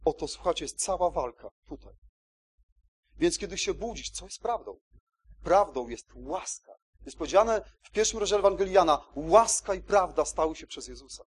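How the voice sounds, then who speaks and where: Guy preaching, husky voice, high-ish and swinging up and down a lot, keeps hammering words and asking if u get it. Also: animated, moderate pace. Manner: emphatic, repeats key words, checks in with listeners. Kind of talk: sermon.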